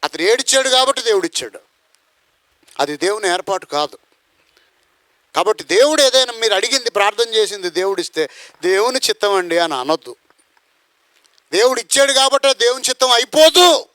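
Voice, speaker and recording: With a high, somewhat bright voice and lively intonation, an Indian pastor delivers a sermon fairly quickly, pausing at length. There's no echo. Along the way he asks rhetorical questions, performs the quoted voices in his story, and suddenly starts singing.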